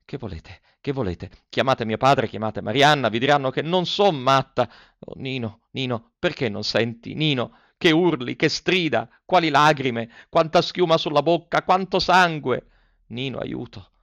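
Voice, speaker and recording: A man's voice: medium pitch, unhurried, vocal fry, dry recording. A man voicing a frightened young novice nun who is losing her mind, reading her diary in a pleading, feverish way with repeated cries. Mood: terrified, frantic. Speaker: audiobook reader.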